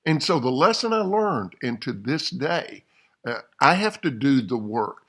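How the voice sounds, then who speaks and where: A man's voice: medium pitch, big pitch swings, measured pace, a bit bright. A man, a professional speaker, talking candidly to camera about a lesson learned. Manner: earnest, candid, upbeat sign-off. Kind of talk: reflective talk to camera.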